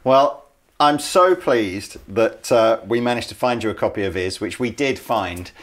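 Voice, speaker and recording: A man's voice: lowish voice, measured pace. Jokey interviewer, a man. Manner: jokey, self-deprecating. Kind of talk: casual interview chat.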